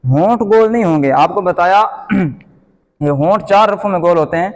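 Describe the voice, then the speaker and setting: A man with a Pakistani Urdu accent gives a slow beginner's lesson, drawing out each letter sound and calling it out loudly. His voice sits slightly high. The recording rings with a long, hall-like reverb. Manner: patient, repeats letter sounds slowly and loudly. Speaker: Quran reading teacher.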